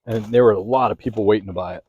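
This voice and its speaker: Man, food vlogger, low voice, casual chat while eating, dry and slightly dull lo-fi sound. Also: very fast, slightly rough. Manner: chatty, eats while talking, mouth full at times. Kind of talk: casual food tasting vlog. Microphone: handheld phone or camera.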